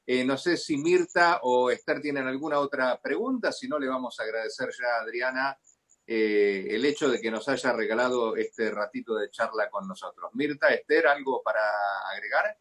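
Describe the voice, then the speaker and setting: A man's voice: medium pitch, normal speed, a bit bright. A man with an Argentine accent hosting a video-call talk, formal and thankful, with fillers. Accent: Argentine Spanish. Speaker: host.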